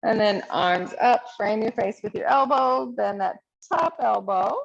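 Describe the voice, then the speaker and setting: Female yoga teacher, calm encouraging cues, some vocal fry, muffled recording. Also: on the high side, a little slow. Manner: calm, encouraging cueing of poses. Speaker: yoga instructor. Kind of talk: guided yoga class instruction.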